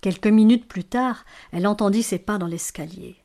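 A woman narrates a storybook with measured, expressive delivery. Her pitch sits in a mid range for a woman. She reads steadily as a storyteller. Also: gravelly. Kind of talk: storybook reading.

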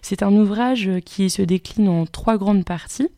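A woman presenting book recommendations on the radio. She talks quickly, with many hesitations and self-corrections. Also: medium pitch, warm tone, dry recording.

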